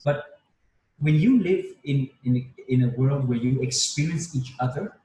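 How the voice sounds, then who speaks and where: Here the Spanish panel guest, a man in his fifties, talks a little slowly in a medium-pitched, dark-toned voice. He reflects aloud in a relaxed group video chat, often restarting sentences and adding tags like "right?", while the roomy recording from a distant mic carries faint background noise.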